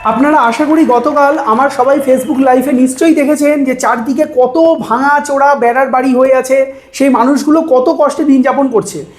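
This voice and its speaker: Pompous crooked male politician played by a woman, high voice, declamatory rally delivery, echoey comedy sketch. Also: moderate pace, slight background noise, lightly acted. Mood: earnest promising. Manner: declamatory, grandiose. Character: pompous, corrupt male politician making grand campaign promises. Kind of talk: comedy sketch, mock election rally speech. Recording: echoey, reverberant voice.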